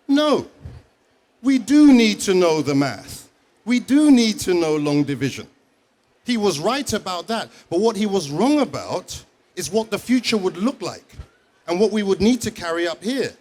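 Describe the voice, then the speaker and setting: A man, a school principal giving a conference talk and often asking the audience questions. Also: high-pitched. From England. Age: 40s. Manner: engaging, asks the audience questions.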